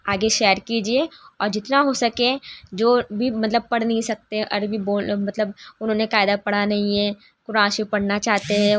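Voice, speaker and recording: A woman teaching a beginners' Quran reading lesson, patient and encouraging, drawing out each letter sound for learners to repeat. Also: mid-range voice.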